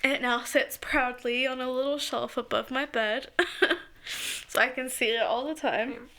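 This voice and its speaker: A woman's voice: high-pitched, steady tone, unhurried, sharp tone. A woman in her twenties co-hosting a podcast, telling a story in casual chat and laughing often. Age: 20s. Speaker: podcast co-host.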